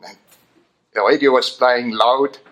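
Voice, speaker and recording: A man from Switzerland, telling an animated anecdote at a memorial. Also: medium pitch, unhurried. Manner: animated anecdote with voiced quotes. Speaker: memorial speaker. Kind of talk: storytelling at a memorial.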